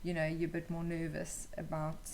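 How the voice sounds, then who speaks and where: A young woman, a new mother appearing as an interview guest, casually tells stories from her own experience. Her low, darkish voice is completely flat at a normal speed, and the recording clearly picks up noisy room ambience.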